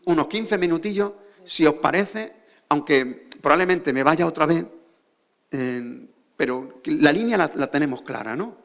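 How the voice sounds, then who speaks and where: A man's voice: on the high side, lively intonation, a little slow, creaky, fairly bright tone. A man with an Andalusian accent giving a lecture on a theater stage, often posing rhetorical questions to the audience. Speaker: conference speaker.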